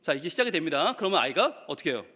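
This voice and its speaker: A man's voice: fairly high pitch, big pitch swings, very fast, bright, forceful tone. A male pastor preaching to teachers, telling stories animatedly and acting out the quotes. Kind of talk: sermon to teachers. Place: church sanctuary. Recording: reverberant church hall.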